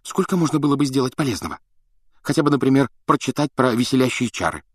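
A man voicing a scornful know-it-all schoolgirl in a sharp, clipped, scoffing way. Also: medium pitch, expressive, quick pace, breathy edge, no echo, clean studio sound, pitched above the performer's own voice.

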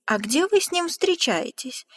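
A woman voicing a sly, hungry female snake who speaks slowly and coaxingly in a storybook reading. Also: high-pitched, big pitch swings, pitched above the performer's own voice. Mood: curious. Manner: slow, coaxing, drawn out. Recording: long hall reverb.

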